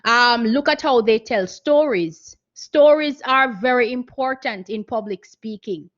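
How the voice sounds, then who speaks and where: A woman lectures on diction to an online seminar, her slightly high voice coming through a muffled video call. She speaks earnestly and instructively, circling back to repeat her main points. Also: a little slow. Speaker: guest speaker. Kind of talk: online seminar talk on voice training.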